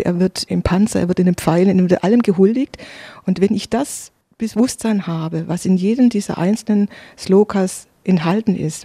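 A mellow, soft-edged voice tells of faith and inner experience in a calm, earnest way. The words come haltingly, with restarts and repeats. The recording is dry and close. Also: mid-range voice, no room sound. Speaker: interviewee sharing spiritual experiences. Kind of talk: reflective personal testimony.

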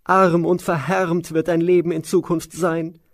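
A man's voice: on the high side, flat delivery, a little slow, dry recording, voice pushed up. A man voicing a scheming old maidservant, shrieking and wailing in alarm. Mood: bitter lament.

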